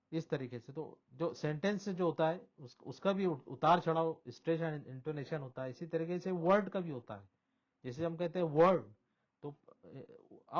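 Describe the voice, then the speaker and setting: A male English teacher with a fairly high voice. He reads each question slowly, then patiently explains it. The recording is dull and lo-fi. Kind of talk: bilingual classroom explanation. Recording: dull lo-fi sound.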